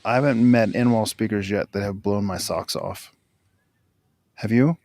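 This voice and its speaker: A man's voice: lowish voice, moderate pace, darkish tone, no echo. A man co-hosting a casual podcast, frank and easygoing with his opinions. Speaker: podcast co-host. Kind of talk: casual chat.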